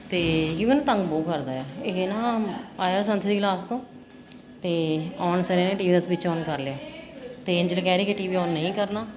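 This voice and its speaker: A woman chatting casually to viewers in a daily home vlog, often checking in with little tag questions. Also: lowish voice. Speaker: home vlogger and mother. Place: around the house, partly outdoors. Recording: noisy handheld home recording.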